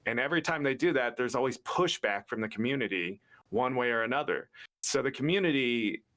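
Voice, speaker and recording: A man on a podcast, earnestly talking through his view in a reflective, steady way. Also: medium pitch, brisk. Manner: earnest, reflective, building an argument. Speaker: podcast guest. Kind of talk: casual podcast discussion.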